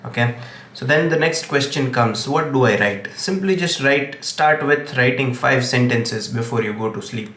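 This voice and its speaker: A young man, an English teacher whose first language is Gujarati, gives earnest tips directly to the camera in an Indian English accent, often saying "okay." His voice is medium-pitched and fairly bright, at a normal speed. The room sounds echoey.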